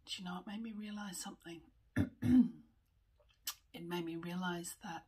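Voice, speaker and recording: A woman in her thirties, tearful with a running nose, talking candidly in a personal vlog, often in a breathy whisper and pausing as she goes. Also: lowish voice, a little mellow. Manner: slow, halting, candid, with small laughs. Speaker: vlogger.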